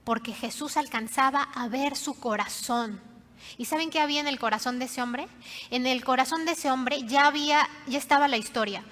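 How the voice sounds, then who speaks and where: A woman pastor preaching a sermon, telling the story dramatically and often dropping to soft, hushed tones. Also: high voice, moderate pace. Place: church hall. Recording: reverberant church hall.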